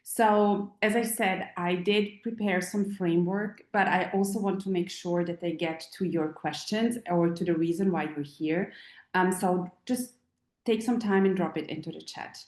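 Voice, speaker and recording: A woman's voice: lowish voice, normal speed, darkish tone, reverberant. A woman from Serbia, about forty, hosting a live online Q&A as a feng shui teacher, rambling with many fillers and restarts. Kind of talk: live online call, casual talk.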